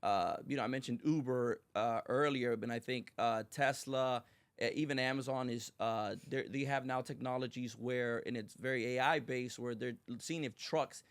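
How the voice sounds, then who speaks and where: Male interviewer, halting questions. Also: medium pitch, fairly even intonation, clean tone, no room sound. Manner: stammering restarts when asking. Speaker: interview host.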